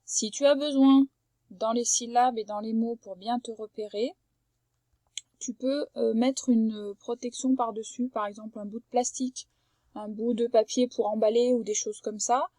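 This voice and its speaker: A woman teaching a young child to read, patient and clear, slowly drawing out words so each sound can be heard. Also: a little high, mellow, dry recording. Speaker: primary school teacher. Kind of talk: remote reading lesson for a young child. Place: at home.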